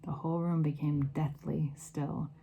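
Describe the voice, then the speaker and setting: A woman reading a children's novel aloud in an expressive, varied storytelling manner. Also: low-pitched, measured pace, creaky, a little hiss or hum, rough recording. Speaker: read-aloud narrator.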